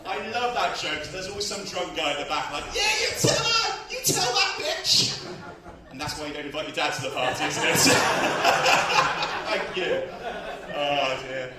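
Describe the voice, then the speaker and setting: A man doing a crude, self-mocking stand-up comedy set, out of breath and often bursting into shouts. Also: on the high side, normal speed, very noisy. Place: comedy club stage. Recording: echoey club, far from mic, loud crowd. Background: audience laughter.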